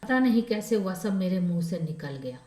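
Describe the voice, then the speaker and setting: A woman's voice: on the low side, lively intonation, normal speed, dark tone, echoey room, far from the mic, lightly acted. A woman voicing a young wife who pleads and apologizes, in a storybook reading. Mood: pleading. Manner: imploring.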